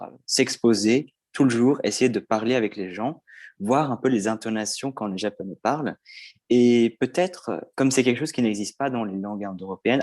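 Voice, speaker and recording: A man's voice: medium pitch, darkish tone, no echo. A man co-hosting a casual podcast, explaining things step by step with frequent hesitations. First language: not stated. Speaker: podcast co-host.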